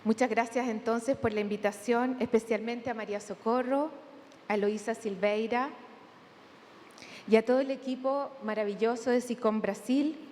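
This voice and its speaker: A woman from Chile with a Chilean accent, giving a measured academic conference talk with thoughtful pauses in a large hall. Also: a little high, steady tone, a little mellow. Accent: Chilean Spanish. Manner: measured, deliberate, with thinking pauses. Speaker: conference speaker. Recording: long hall reverb, faint room noise.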